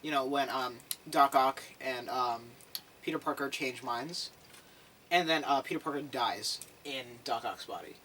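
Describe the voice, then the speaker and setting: A young man co-hosting a casual podcast, rambling excitably and swearing casually. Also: medium pitch, measured pace. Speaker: podcast co-host. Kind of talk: casual chat. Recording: voice from a distance with faint background noise.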